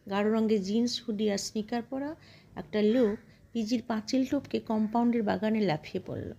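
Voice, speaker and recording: A woman reading a short story aloud in a steady, measured narration. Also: fairly high pitch, vocal fry. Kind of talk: scripted narration.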